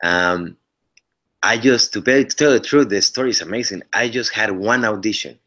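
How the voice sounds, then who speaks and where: A fairly low-pitched male voice comes across pushed and bright at a moderate pace. The speaker, a Mexican actor in his thirties, uses English as a second language with a Mexican Spanish accent. Appearing as a guest in a casual interview via webcam video call from his living room, he's earnest and often restarts his sentences.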